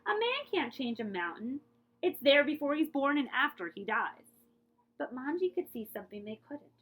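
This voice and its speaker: A high-pitched woman reads a picture book aloud at a normal speed, sounding like a librarian. She gives an expressive performance, dramatically emphasizing key words and pausing for explanatory asides.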